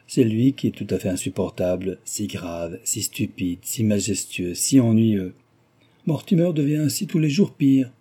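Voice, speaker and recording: A man's voice: on the low side, lively intonation, moderate pace, warm tone, husky. A man reading aloud, voicing a frivolous, gossiping young aristocratic lady who talks flippantly and teases. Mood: flippant chatter. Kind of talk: audiobook character reading.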